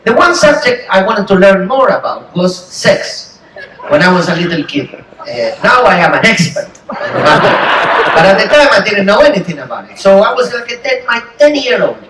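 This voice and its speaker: A man telling a long joke on a theatre stage, acting out his parents with big leaps in his voice. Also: moderate pace. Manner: animated storytelling, acting out quoted parents with big pitch jumps. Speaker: comedy game show panelist. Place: large theatre on a cruise ship. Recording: echoey theatre, heard from a distance, loud audience noise. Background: audience laughter.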